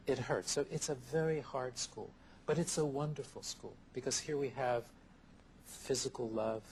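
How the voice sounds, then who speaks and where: A man speaks in a thoughtful, measured way, often building lists of ideas one at a time. His voice has a gravelly creak. The sound comes from a worn VHS tape copy, with faint tape hiss underneath. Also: mid-range voice, poor audio. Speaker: interview guest, therapist. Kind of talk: reflective interview answers.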